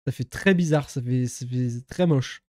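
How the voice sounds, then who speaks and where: A man's voice: mid-range voice, unhurried. A young man chatting casually on a live stream, rambling with many fillers, swearing and laughing at himself.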